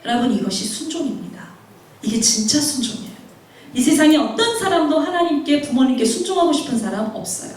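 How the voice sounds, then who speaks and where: A woman missionary delivers a sermon, weaving in personal stories and slipping into the voices of the people she quotes. Her voice sits high and lively. It rings through a large echoing hall, picked up from well away from the microphone. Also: fairly quick. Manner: animated, acts out quoted voices. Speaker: missionary preacher. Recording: very echoey hall, mic far off.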